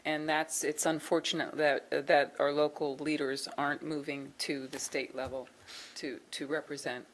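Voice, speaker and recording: Low-pitched middle-aged woman speaking at meeting. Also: flat delivery, normal speed. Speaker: town board member. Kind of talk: informal remarks at a public meeting. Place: public meeting room.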